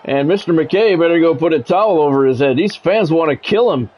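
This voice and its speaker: In a brisk, expressive, fairly high voice, a streamer narrates a sports video game, shifting between play-by-play calls and chatty remarks to viewers. The audio sounds dull.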